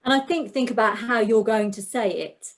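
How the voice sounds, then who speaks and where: A woman's voice: on the high side, moderate pace. A woman on a discussion panel giving reflective advice about confidence.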